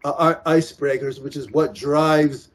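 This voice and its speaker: Halting man on a webcam call. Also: fairly high pitch, fairly even intonation. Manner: halting, many restarts and fillers. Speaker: singles event organizer. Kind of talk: casual video call chat. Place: small room indoors. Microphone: laptop webcam on video call.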